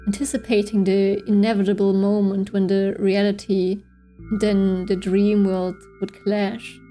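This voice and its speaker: A woman streaming a game, talking in an unhurried, laid-back way. Her voice is mellow and soft, and she giggles often between remarks as she reads the on-screen text aloud. Faint music plays behind her. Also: mid-range voice, low-quality recording. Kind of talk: casual game let's play commentary.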